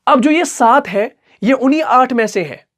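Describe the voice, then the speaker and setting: A man's voice: very high voice, lively intonation, fairly bright tone. Man teaching recitation, drawing words out. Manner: stretches example words out slowly, checks in with "okay?" often. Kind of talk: online class lesson.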